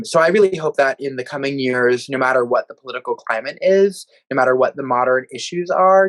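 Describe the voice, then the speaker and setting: A man's voice: medium pitch, poor audio. A man speaking reflectively and hopefully in an interview. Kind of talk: casual recorded interview.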